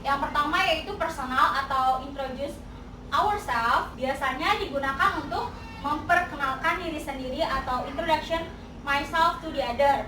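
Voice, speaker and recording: A young adult woman who teaches English explains something in class with a high voice at a moderate pace. She is chatty and mixes in English example phrases. The room is echoey and noisy, and the mic is distant.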